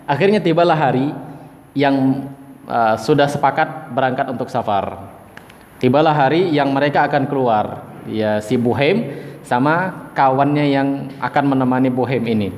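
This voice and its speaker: A man's voice: mid-range voice, moderate pace, pauses often, a little mellow. A man preaching an Islamic study lecture, retelling a story by reading Arabic lines and then explaining them. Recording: lecture hall with long reverb.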